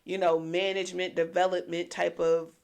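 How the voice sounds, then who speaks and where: A talkative woman co-hosting a podcast in casual, animated chat, with plenty of slang and swearing. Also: on the low side, normal speed, gravelly. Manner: animated, amplified on the show. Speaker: podcast co-host.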